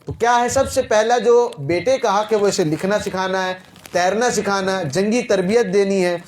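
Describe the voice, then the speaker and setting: An Islamic preacher with a high voice delivers an Urdu sermon, telling stories and putting rhetorical questions to his listeners. His loudness swings dramatically up and down as he speaks.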